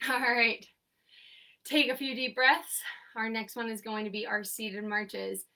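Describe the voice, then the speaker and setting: A woman's voice: fairly high pitch, little pitch movement, unhurried, pushed and bright, distant mic. A young woman leading a seated exercise class, counting repetitions and giving short coaching cues. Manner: counting reps aloud, upbeat coaching cues. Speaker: exercise instructor. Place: home, remote class. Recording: voice from away from the mic.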